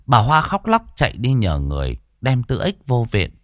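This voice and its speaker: A man's voice: mid-range voice, wildly swooping pitch, moderate pace, fairly bright tone, no room sound, clean studio sound. A man narrating a ghost story with an emotive, dramatic delivery.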